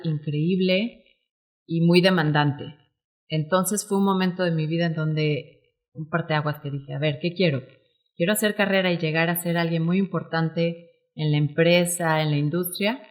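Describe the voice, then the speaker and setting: A woman in her forties with a Mexican Spanish accent, a guest telling her story in an interview, animated and acting out quoted dialogue. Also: low-pitched. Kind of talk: emotional personal storytelling interview.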